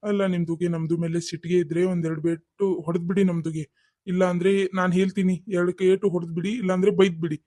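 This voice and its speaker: A meek shopkeeper, played by a man who pleads and apologizes in broken Kannada for a cartoon comedy. His voice is high but flat and mellow, barely rising or falling. The recording is dry and close. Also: quick pace, dry recording. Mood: pleading.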